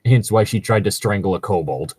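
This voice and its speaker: A co-host with a lowish, husky, darkish voice talks briskly while reading and discussing tabletop gaming stories. The chat is casual, rambling, and jokey, with some swearing. The studio-quality recording has no room sound.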